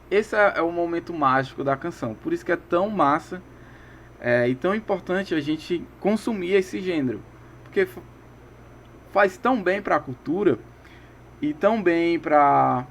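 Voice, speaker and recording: Brazilian male teacher, casual checks. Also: fairly high pitch. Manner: casual, keeps checking in with listeners. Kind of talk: video lesson.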